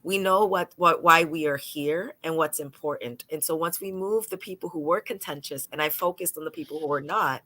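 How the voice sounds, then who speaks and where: A New York lawyer talks on a panel in a deep voice, fairly quickly and with few pauses. She brings her stories to life, voicing people's words as she goes.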